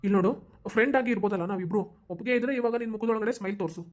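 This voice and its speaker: A woman's voice: mid-range voice, very fast, lightly acted. Woman voicing a persuasive young husband. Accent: North Karnataka Kannada. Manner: coaxing, reassuring. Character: calm, persuasive young husband, a loyal friend. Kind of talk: cartoon voice acting.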